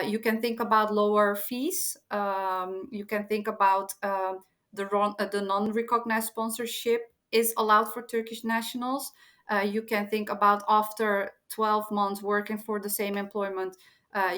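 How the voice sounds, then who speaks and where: Woman, immigration lawyer, hesitant, lots of ums, flat even tone. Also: mid-range voice, a little slow. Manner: hesitant, many fillers. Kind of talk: explanatory interview answer.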